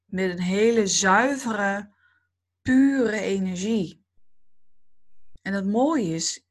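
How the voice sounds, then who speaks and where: A woman giving a spiritual talk to a group, speaking slowly and calmly in a dreamy, reflective way. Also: medium pitch. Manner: slow, calm, dreamy and reflective.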